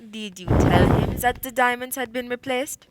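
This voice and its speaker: A woman's voice: fairly high pitch, normal speed, very noisy, close to an everyday voice. A woman playing a commanding female prefect in a radio play, questioning formally and with authority. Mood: formal, probing. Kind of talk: stage-style radio play acting.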